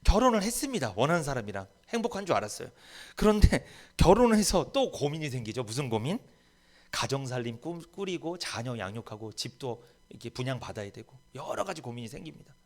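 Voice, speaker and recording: Lively, emphatic male pastor preaching. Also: medium pitch, fast talker. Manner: emphatic preaching, rising to proclamations. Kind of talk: sermon. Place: church sanctuary.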